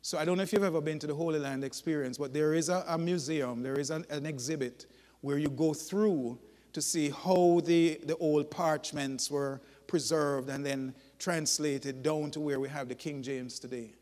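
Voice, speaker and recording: A man preaching a sermon, telling folksy stories in an animated, emphatic way. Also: a little high, moderate pace, long reverb tail.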